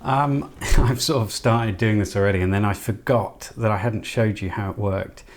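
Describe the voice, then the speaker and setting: On his electronics project channel, a man with a lowish voice talks casually through a hands-on build at a moderate pace. He thinks aloud in a tentative, self-deprecating way, with a little hiss or hum in the audio.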